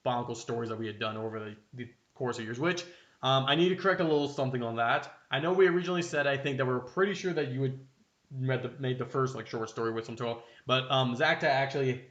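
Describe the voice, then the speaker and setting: Young Canadian podcast host; rambling, self-correcting, recorded in a roomy space on a muffled mic. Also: male voice, medium pitch, fast talker, a bit bright. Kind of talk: casual chat. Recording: dull, roomy home recording.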